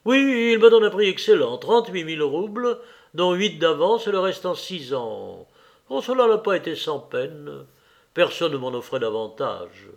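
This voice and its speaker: A man playing a cheerful, easygoing nobleman chatting lively with his hunting companion. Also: fairly high pitch, moderate pace, vocal fry. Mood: chatty.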